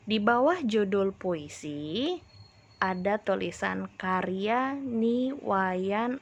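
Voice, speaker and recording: A woman teacher giving a recorded lesson to children, explaining patiently and speaking straight to the class. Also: mid-range voice. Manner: slow, patient explaining, addresses the class directly.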